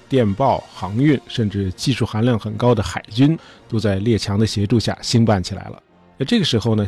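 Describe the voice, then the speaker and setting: A man's voice: on the low side, mellow, slightly rough. A man hosting a history show, telling events in a chatty, casual way with many fillers.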